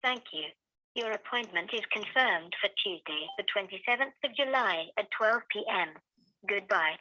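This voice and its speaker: Automated female phone-menu voice played off a phone speaker: bright, even, dry and a little dull. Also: medium pitch, no echo. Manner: even, measured, clearly spaced prompts. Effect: automated phone voice heard through a speakerphone. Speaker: automated phone booking system. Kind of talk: recorded menu prompts.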